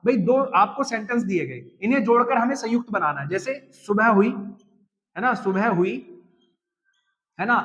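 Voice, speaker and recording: A man's voice: extremely high pitch, fairly bright tone. A young man teaching Hindi grammar for exams, pushy and coaxing, tagging his sentences with "है ना" and "भाई साहब". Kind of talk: energetic exam-prep lesson. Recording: dull lo-fi audio with long reverb.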